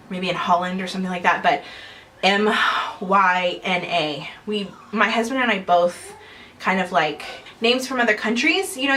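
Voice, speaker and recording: Young woman, vlogger, bright forceful tone, rambling chat, light laughs. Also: medium pitch, slight background noise, rough recording. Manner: chatty and rambling, with frequent small laughs. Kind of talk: casual chat to camera.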